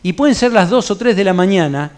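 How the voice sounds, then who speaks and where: A man's voice: high voice, animated, brisk, darkish tone. A middle-aged man with a Rioplatense accent, a pastor leading an evening church Bible study, preaching in a conversational way with homely anecdotes and colloquial asides. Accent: Rioplatense Spanish. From Argentina.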